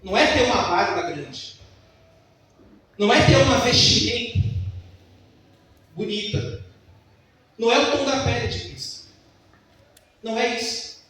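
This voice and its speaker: A man's voice: very high-pitched, unhurried, long pauses, fairly bright tone. A man preaching a sermon in a church, emphatic and full of personal stories. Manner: emphatic, storytelling. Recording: echoey church hall from far off.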